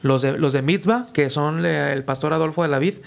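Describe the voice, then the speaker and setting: A man, a musician guest casually telling stories in an animated, slangy way and acting out the people he quotes. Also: fairly high pitch, a little fast, gravelly. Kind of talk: casual storytelling.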